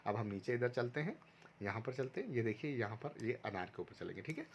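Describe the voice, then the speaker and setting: A man's voice: mid-range voice, lively intonation, a little fast, a little hiss or hum. A man teaching a recorded online lesson to first graders, patiently going step by step and sounding out syllables for pupils to repeat. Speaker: primary school teacher.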